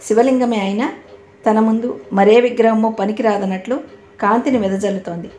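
Calm woman narrating an audio novel. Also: fairly high pitch, moderate pace. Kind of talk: scripted narration. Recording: echoey room, faint background noise.

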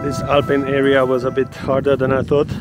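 A man narrating his mountain hike for a vlog, outdoors, in a halting way that restarts and repeats words. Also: medium pitch, completely flat delivery. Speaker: hiker filming his trip. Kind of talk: casual vlog narration on the trail. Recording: music over the outdoor audio. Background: background music.

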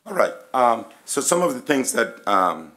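Male presenter, middle-aged, raspy and losing his voice, halting conversational lecture delivery at a podium mic. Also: medium pitch, sing-song, sharp tone. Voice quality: hoarse, raspy voice. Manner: halting, conversational, inviting questions. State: losing his voice, throat-clearing. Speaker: physics professor, presenter. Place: conference room, at a lectern. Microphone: gooseneck lectern microphone.

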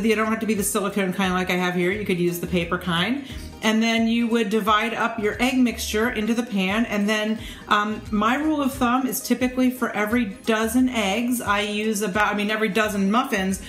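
A woman's voice: medium pitch, fairly bright tone, reverberant. A middle-aged woman, a nutrition educator, chatting casually through a cooking demo in her home kitchen, with many fillers and restarts. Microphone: camera in front, mid framing.

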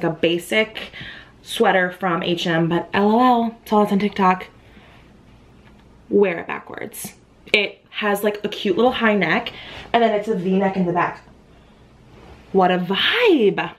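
A woman's voice: mid-range voice, fairly bright tone. A young woman in her twenties chatting bubbly and gushing to her camera while out in the city. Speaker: vlogger. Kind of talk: casual vlog chat. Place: outdoors in a city park and streets. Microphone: handheld compact camera.

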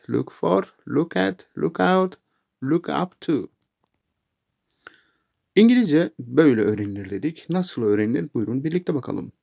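A man teaching a language lesson, saying English phrases slowly and clearly and then giving their meanings. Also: mid-range voice, darkish tone.

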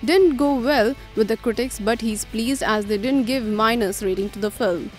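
Female entertainment news narrator, highish pitch, scripted read over a clear guitar music bed. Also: moderate pace.

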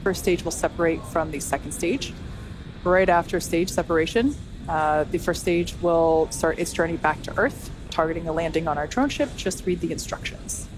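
Lowish-voiced woman commentating live. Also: normal speed, music in the background, low-quality recording. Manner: explanatory, conversational. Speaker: launch webcast host. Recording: faint background noise.

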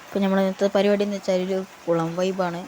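A woman's voice: mid-range voice, level tone, quick pace, warm tone, a little hiss or hum, low-quality recording. A woman with a sore throat giving casual, rambling gameplay commentary as a YouTuber, often addressing her viewers. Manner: rambling, filler-heavy, keeps addressing viewers. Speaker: gaming YouTuber.

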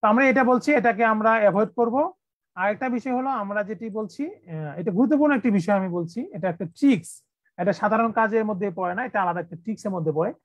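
A man from Bangladesh runs an online computer training for teachers over a video call. He explains each step, repeats himself often and fills pauses with "uh". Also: high-pitched, no echo. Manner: instructive, repetitive, many "uh" fillers.

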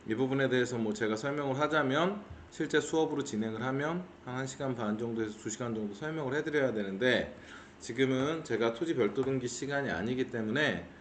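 Measured middle-aged man explaining in an echoey room. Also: medium pitch. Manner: measured, explanatory, slows to stress points. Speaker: auction investor explaining cases. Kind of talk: explanatory video lecture. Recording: roomy echo, faint background hiss.

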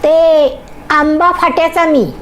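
A woman's voice: very high voice, steady tone, takes it slowly, a bit bright, a little hiss or hum, pitched above the performer's own voice, heavily acted. A woman voicing a poor, timid thief from a village who stammers and hesitates. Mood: sheepish. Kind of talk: storybook character voice.

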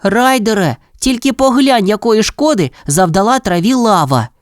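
Reader doing hyper eager puppy, way up high, dry close mic. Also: expressive, moderate pace, no echo, natural voice. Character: eager excitable rescue puppy.

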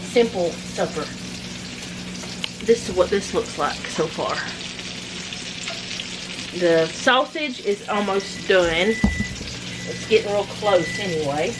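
In a mid-range voice, a home cooking vlogger rambles through a casual cook-along, making supper and joking at her own expense. She's middle-aged and in her home kitchen, where frying food sizzles loudly over a noisy background.

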